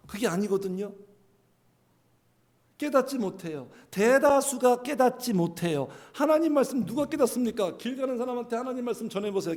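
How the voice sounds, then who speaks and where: A man preaching a sermon in a high, gravelly voice. He leads the congregation through scripture readings and acts out scenes with loud bursts and hushed drops. His delivery stays animated throughout. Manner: acts out parents scolding, swings loud and soft. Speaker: pastor.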